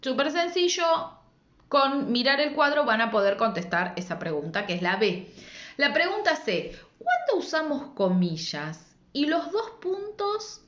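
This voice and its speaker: A woman's voice: high-pitched, sing-song, a little slow, fairly bright tone. Woman, Argentine Spanish accent, teacher, patient didactic lesson, rhetorical check-ins, echoey room. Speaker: secondary school language teacher. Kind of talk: recorded lesson explaining spelling rules. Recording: echoey room, dull lo-fi sound.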